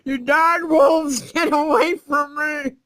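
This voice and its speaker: A woman voicing a panicked, whiny player being chased, in a shrill wailing voice. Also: fairly even intonation, slow pace, fairly bright tone.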